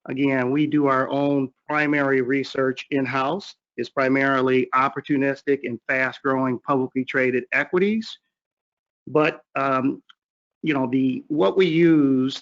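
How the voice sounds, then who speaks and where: A man introducing himself and his investment firm as a webinar panelist, heard over a group video call. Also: mid-range voice. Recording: dull lo-fi call audio.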